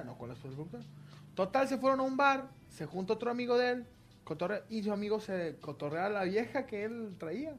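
A man with a Mexican accent telling a crude story in casual podcast chat, swearing and acting out the people in it. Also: high-pitched. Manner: animated, swears a lot, acts out voices in stories. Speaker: podcast co-host.

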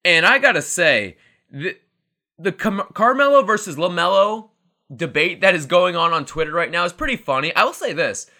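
A man in his twenties co-hosts a casual sports podcast, chatty and rambling and laughing at himself. His voice sits high with a sing-song lilt, a sharp tone, and a moderate pace.

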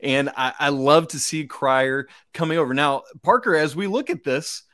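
Guy hosting a sports podcast, georgia accent, kinda high voice, dry close sound, folksy and excitable. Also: normal speed, dry recording. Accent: Georgia, American South. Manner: exclamatory, folksy, chummy address to listeners. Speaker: podcast host.

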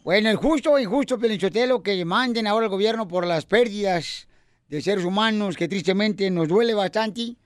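A man's voice: high voice, normal speed, no echo, studio quality. A man hosting a comedy radio show, teasing his co-hosts and telling jokes. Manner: teasing, animated joke-teller. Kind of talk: joking radio banter.

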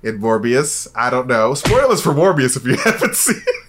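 A man's voice: medium pitch, normal speed, music in the background. A man co-hosting a podcast, chatting casually in a jokey way with frequent laughter. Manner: jokey, laughs often, lively delivery. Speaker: podcast co-host. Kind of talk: casual chat.

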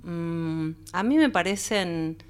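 A woman's voice: on the low side, expressive, takes it slowly, clean tone. A woman singer with a Buenos Aires accent, chatting in a rambling way in a radio studio interview, often tagging her sentences. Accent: Buenos Aires Spanish. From Argentina, raised partly in Peru. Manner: chatty, rambling, frequent "viste" tags. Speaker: singer guest. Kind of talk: casual interview chat.

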